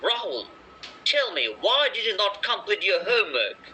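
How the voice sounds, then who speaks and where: A man reading a teacher's part in a textbook dialogue, slowly and carefully, in an attempted British accent. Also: high-pitched, very animated, bright, forceful tone, a little hiss or hum, pitched above the performer's own voice, exaggerated voice, rough recording. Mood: measured. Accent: attempted British English. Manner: slow, careful demonstration reading.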